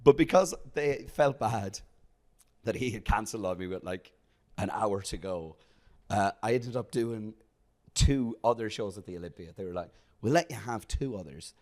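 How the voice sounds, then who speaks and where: A young adult comedian from South Africa, chatting casually on a podcast and telling stories with frequent laughs. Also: male voice, fairly low pitch, moderate pace. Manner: storytelling, laughing often, animated. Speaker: comedian guest.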